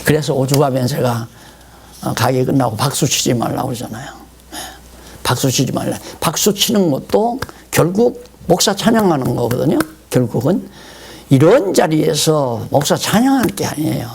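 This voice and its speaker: A man's voice: a little high, gravelly, a little mellow, husky. An older man preaching a Bible lecture, acting out people's complaints to God in a raised voice. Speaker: pastor.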